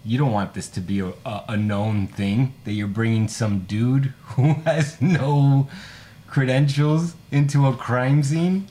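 A man's voice: medium pitch, a little slow. Opinionated man chatting about a film. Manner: animated, opinionated, swears casually. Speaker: podcast co-host. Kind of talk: casual film discussion.

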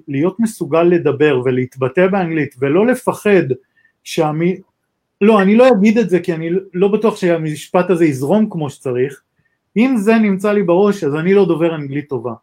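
Podcast co-host: man, Israeli accent, fairly high voice, halting casual explanations with restarts. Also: darkish tone. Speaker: talk co-host, tech entrepreneur.

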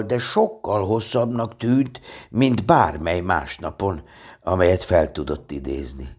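Raspy, gravelly man reading a storybook. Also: deep voice, a little mellow.

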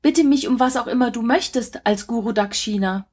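A humble, earnest young archer from a storybook, as a woman reads him, full of reverence for his teacher. The voice sits a little high and has a soft, breathy edge. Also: normal speed. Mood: devoted. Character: devoted young male forest archer.

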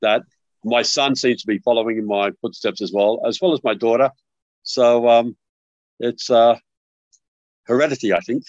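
A man's voice: medium pitch, steady tone, normal speed, pauses often, no room sound, lo-fi sound. An older man with an Australian accent, a podcast guest telling rambling stories with many restarts over a remote call. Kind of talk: casual remote interview.

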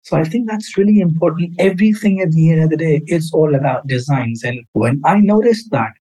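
Husky-voiced man from Pakistan. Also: a little high, fairly quick, dark tone, low-quality recording. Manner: earnest, expansive storytelling. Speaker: podcast guest, entrepreneur. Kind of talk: casual interview answers.

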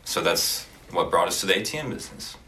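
A young man from Oklahoma, a student entrepreneur, explaining his business in a relaxed, casual interview with some fillers. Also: deep voice, fast talker. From Oklahoma, USA. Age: young adult.

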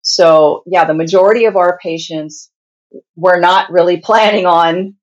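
Female interview guest, hospice nurse. Lowish, husky voice, explains plainly and conversationally, slightly dull recording. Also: fairly even intonation, a little slow.

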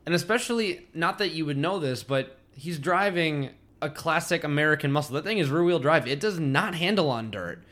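A man's voice: a little high, expressive, normal speed, few pauses, fairly bright tone. A man co-hosting a podcast, giving dry, joking commentary on a horror film. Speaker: podcast co-host. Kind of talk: casual chat.

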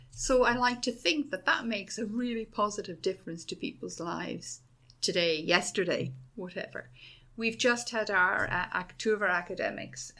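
Irish woman, gravelly, enthusiastic. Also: mid-range voice, bright, forceful tone. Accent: Dublin Irish. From Ireland. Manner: enthusiastic, rambling with many restarts. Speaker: university principal. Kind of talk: podcast interview answers.

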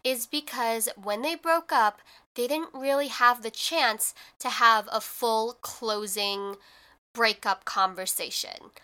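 A young adult woman hosts her podcast in casual chat, sounding congested and more nasal than usual and saying "like" a lot. Her voice is fairly high, sharp in tone and smooth, and she takes it slowly.

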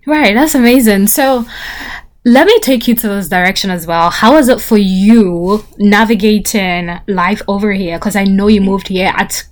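A woman's voice: mid-range voice, moderate pace. A woman with a French accent hosting a casual chat podcast, teasing and pressing her guest with questions. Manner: teasing, playfully interrogating. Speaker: podcast host.

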